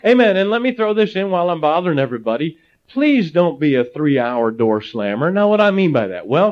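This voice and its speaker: A middle-aged male pastor from Ohio preaching a sermon, telling stories with jokey asides. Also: on the high side. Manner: animated storytelling, jokey asides. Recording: slightly dull lo-fi audio.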